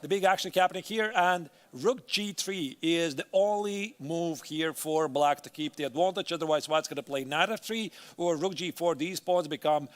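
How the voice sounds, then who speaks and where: A man's voice: fairly high pitch, normal speed, few pauses. A man giving live chess commentary, thinking aloud through moves in a conversational way.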